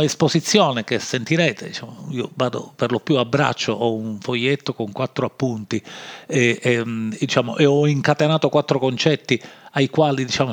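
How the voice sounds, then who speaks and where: A man with a nasal voice and a Sicilian accent hosts a solo podcast off the cuff, halting and backtracking as he goes. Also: mid-range voice. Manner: halting, rambling, often backtracking. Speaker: podcast host. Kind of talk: improvised solo podcast monologue. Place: home-made podcast recording.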